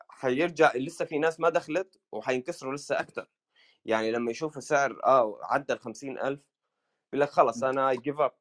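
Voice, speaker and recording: A man with a Levantine Arabic accent in a casual market chat, dropping English words into his Arabic. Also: medium pitch.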